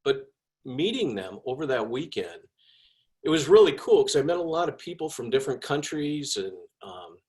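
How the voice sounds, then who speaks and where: Man giving a casual speech, enthusiastic storytelling, mid-pitched voice. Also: very animated, moderate pace, a little mellow. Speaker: past club president. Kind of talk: personal speech.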